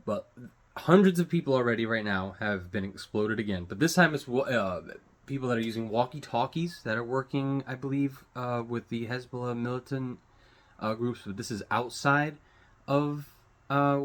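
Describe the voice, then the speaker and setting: A man with a mid-range voice hosts his own online show, offering casual, unscripted news commentary. He rambles and halts, searching for words and swearing casually.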